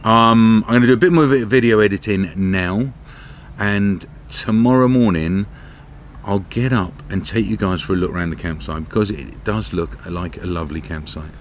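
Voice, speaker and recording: A middle-aged travel vlogger from Britain speaks casually to camera at a campsite, with a lowish voice and a moderate pace. The camera is held at arm's length, and the outdoor audio carries background noise.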